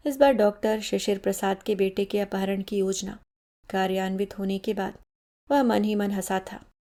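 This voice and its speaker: A woman storyteller reading a literary short story in a measured, dramatic way. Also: mid-range voice, mellow. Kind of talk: scripted literary narration.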